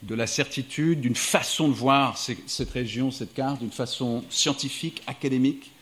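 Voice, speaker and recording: At an evening talk before a live audience, this middle-aged diplomat and writer from the United States has a mid-range, slightly bright voice at normal speed. He speaks thoughtfully and reflectively, working through ideas aloud.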